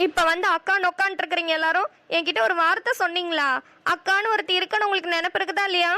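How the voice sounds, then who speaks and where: A woman voicing a shrill, wailing village mother. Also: fairly even intonation, racing, bright, forceful tone, no room sound. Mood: aggrieved. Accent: Kanyakumari Tamil. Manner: wailing, scolding. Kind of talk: cartoon voice acting.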